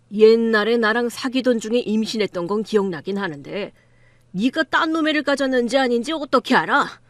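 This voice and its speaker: A woman's voice: on the high side, no echo, close to an everyday voice. A woman voicing an arrogant, crude middle-aged man who runs a law firm, in an audiobook drama reading, talking in a sneering, bullying way.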